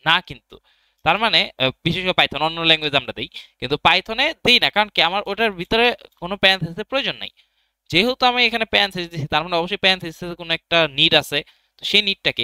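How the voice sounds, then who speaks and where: A man's voice: on the high side, sharp tone, smooth, no room sound. A young man teaching programming in a casual tutorial, thinking aloud as he types and answering his own questions. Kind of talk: casual screen-recorded coding tutorial.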